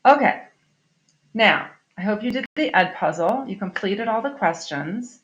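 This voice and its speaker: A woman's voice: mid-range voice, expressive, unhurried, fairly bright tone, highs cut off. A woman teacher giving a recorded grammar lesson to her students, explaining in a chatty way and checking in with "okay?" often. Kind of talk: recorded online class lesson.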